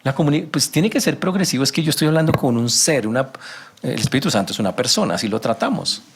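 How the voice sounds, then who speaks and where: A man preaching a sermon as a pastor, animated, asking rhetorical questions and acting out everyday conversations. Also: fast talker, noisy background. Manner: rhetorical questions, rising to emphatic pitch.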